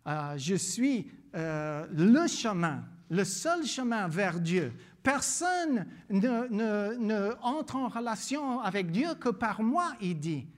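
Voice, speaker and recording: A man from Louisiana with an American accent, a pastor whose first language is English, preaching earnestly, repeating words and pausing with fillers. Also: high-pitched, animated. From Louisiana, United States. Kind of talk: sermon with personal story.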